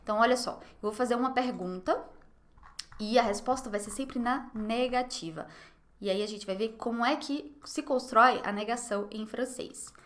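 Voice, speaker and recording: A young Brazilian woman with a fairly high voice and a Brazilian Portuguese accent teaches French in an online language lesson. She's encouraging, saying words slowly and repeating them so learners can copy her.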